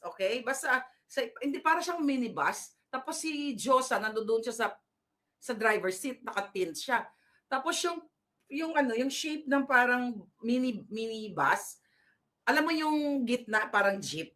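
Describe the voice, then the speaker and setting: A woman's voice: fairly high pitch, expressive, unhurried, pauses often, sharp tone. A woman vlogger telling a long story in a casual, rambling way, with many fillers and restarts and laughs at her own tale. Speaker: political vlogger.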